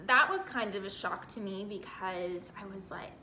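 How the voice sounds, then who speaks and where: A woman's voice: mid-range voice, animated, moderate pace, bright, forceful tone, reverberant, a little hiss or hum. A woman in her twenties from Texas, talking candidly and earnestly in a personal vlog, with lots of "like" fillers. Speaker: vlogger.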